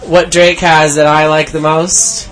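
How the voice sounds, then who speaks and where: A woman's voice: deep voice, steady tone, a little slow, faint music behind, poor audio. A woman co-hosting a podcast, joking and teasing in casual chat, laughing often. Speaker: podcast co-host.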